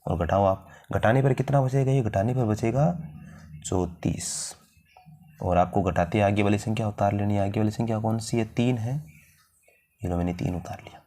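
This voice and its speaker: Male tutor, warm low tone, rhetorical question-and-answer teaching style. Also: normal speed, a little hiss or hum. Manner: asks questions to the viewer and answers them himself. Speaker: math teacher. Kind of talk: step-by-step math lesson.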